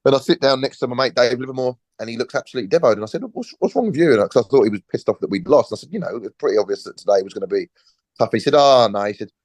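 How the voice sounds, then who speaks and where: A man in his forties, a former footballer and podcast guest, telling a relaxed story and acting out the dialogue. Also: mid-range voice, very fast, no echo. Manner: lively storyteller, acts out quoted dialogue, frequent restarts.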